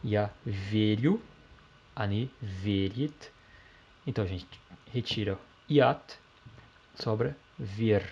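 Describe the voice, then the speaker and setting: A man teaching a language lesson, calmly explaining grammar step by step and checking in with the listener often. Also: fairly low pitch, slow, long pauses, breathy edge, highs cut off.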